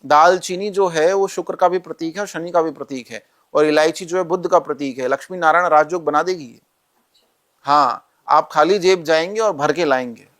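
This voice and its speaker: Man, calm instructive guest, explains rituals step by step, slightly high voice. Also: moderate pace. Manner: calm, instructive, addresses listener directly. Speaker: astrologer guest.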